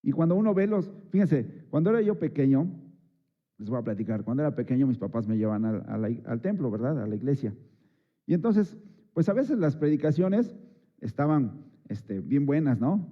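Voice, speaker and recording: A man's voice: mid-range voice, sing-song, moderate pace, dull audio. A man preaching a Sunday sermon in a chatty way, with many fillers and rhetorical asides to the congregation. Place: church service.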